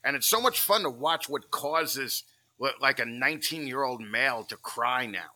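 A man's voice: medium pitch, animated, moderate pace, sharp tone, low-quality recording. A man talking bluntly and profanely in a casual podcast chat. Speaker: podcast guest.

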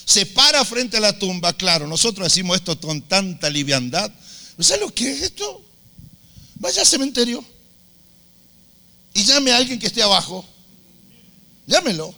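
A man's voice: sits high, moderate pace, long pauses. A man preaching a sermon, telling stories with humor and acting out the voices of the people in them. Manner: animated storytelling, acts out voices with humor.

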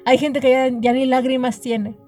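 A woman's voice: sits high, little pitch movement, moderate pace, a little mellow, soft background music. A middle-aged woman preaching a devotional sermon, earnest and emphatic, often repeating words as she builds a point.

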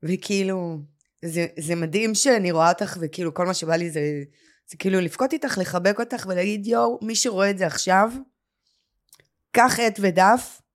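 A woman who coaches personal storytelling, talking as a podcast guest in an intense, heartfelt way and slowing down to stress her points. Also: fairly low pitch. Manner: emphatic, slows down to stress words. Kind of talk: emotional podcast conversation.

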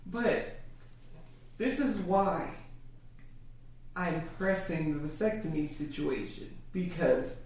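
A woman's voice: on the low side, lively intonation, takes it slowly, pauses often, a little mellow. A woman co-hosting a podcast, chatting playfully with her husband and laughing often. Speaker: podcast co-host. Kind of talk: casual couple's chat. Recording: echoey room, mic at a distance.

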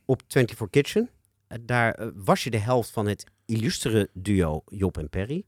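A man's voice: fairly low pitch, expressive, moderate pace, dry recording, studio quality. A man hosting a conversational interview in a wry, articulate, teasing way. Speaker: interviewer, show host.

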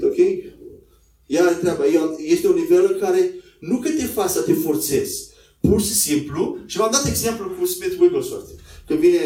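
A man preaching a sermon in a conversational way, acting out quotes in a higher voice. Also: dark tone. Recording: echoey room, voice from a distance.

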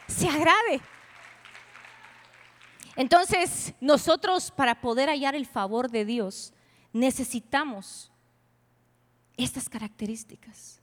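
A woman pastor preaching a sermon to a women's retreat. She is emphatic and teasing, and swings suddenly from loud to hushed. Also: sits high. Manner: playful, teasing asides. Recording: long hall reverb.

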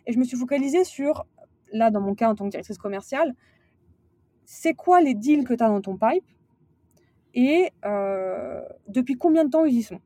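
A woman's voice: a little high, expressive, moderate pace, long pauses, dark tone, no room sound. A woman talking as a podcast guest about management, speaking casually with many fillers and restarts. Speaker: guest, sales director turned manager. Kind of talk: casual interview conversation.

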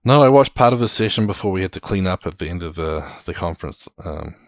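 A man hosting a tech podcast, leading segments in a relaxed, upbeat casual chat. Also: deep voice, fast, no echo. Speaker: podcast host.

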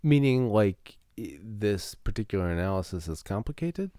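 A man's voice: on the low side, animated, normal speed, mellow, dry recording, studio quality. A man co-hosting a casual podcast chat, joking and chiming in often. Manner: joking, chatty, interjects often. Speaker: podcast co-host.

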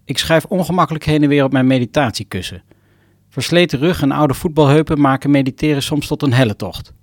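A man's voice: on the high side, brisk, dry recording. Wry middle-aged man narrating, dry close sound. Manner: wry, self-mocking, terse phrasing. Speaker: rehabilitation doctor narrating his own story. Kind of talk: scripted personal narration.

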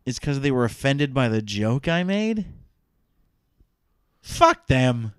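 A man's voice: medium pitch, very animated, slow pace, clean tone, no room sound, clean studio sound. A man in his late twenties co-hosting a comedy podcast, loose and profane, swinging into mock-rage outbursts. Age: 20s. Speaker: podcast co-host. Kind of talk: improvised comedy podcast banter.

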